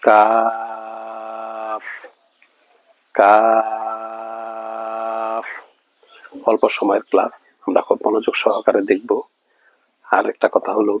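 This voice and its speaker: A man teaching Quran reading in an online lesson, drilling Arabic letters with slow, drawn-out repetition. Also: on the low side, darkish tone, breathy edge, poor audio.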